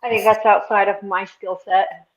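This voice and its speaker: A woman's voice: medium pitch, flat delivery, moderate pace, no room sound. Brief: woman, casual livestream guest on a remote call, audio cutting in and out, dull lo-fi sound, dry. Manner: easygoing, trails off and repeats herself. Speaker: life and health coach.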